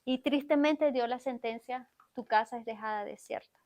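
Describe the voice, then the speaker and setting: Woman preacher, high voice, sermon in a church, keeps asking the congregation questions. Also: normal speed, a little mellow. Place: church sanctuary.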